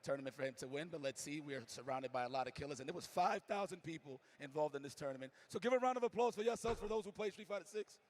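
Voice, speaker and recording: Hoarse, fast-talking hype man. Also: a little high, expressive. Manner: casual, colloquial hype talk. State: hoarse, voice a little shot. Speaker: esports commentator. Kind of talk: hype live event commentary. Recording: music playing behind live stage commentary.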